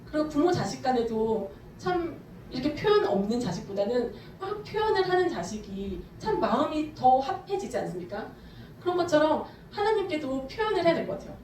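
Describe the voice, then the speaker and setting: High-voiced woman preaching in an echoey hall. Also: sing-song, a little fast, darkish tone, slight background noise. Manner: fervent, emphatic preaching with shifts in pace. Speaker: pastor. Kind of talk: sermon. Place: church sanctuary. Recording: echoey church hall, from far off.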